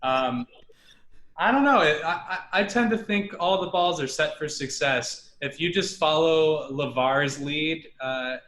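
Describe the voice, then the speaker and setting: A man's voice: fairly high pitch, measured pace, fairly bright tone, roomy sound. A man as a guest on a sports podcast, joking and laughing through casual banter.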